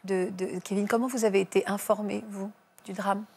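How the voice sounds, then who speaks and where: Talk show host lady, breathy voice, asks gentle questions. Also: mid-range voice, fairly even intonation, moderate pace. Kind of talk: studio interview questions.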